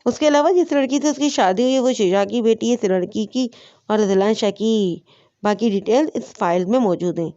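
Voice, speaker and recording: Brief: woman voicing a dutiful male servant, slow, measured, dull audio. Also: on the high side, mellow, no room sound, lightly acted. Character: loyal, obedient male servant.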